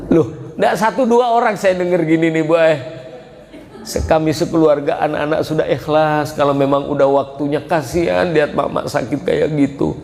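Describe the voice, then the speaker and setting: A man's voice: fairly high pitch, moderate pace, vocal fry. A man giving a dawn study sermon in a mosque, telling stories animatedly and acting out the dialogue. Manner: animated storytelling, acts out dialogue. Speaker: religious teacher. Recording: reverberant mosque hall with faint hiss.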